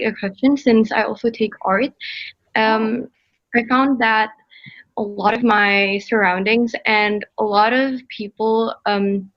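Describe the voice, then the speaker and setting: A teenage high school student from Indonesia asking a webinar question, hesitant and full of fillers. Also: female voice, fairly bright tone, no echo. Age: teens. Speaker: audience member asking question. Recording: dull dry audio.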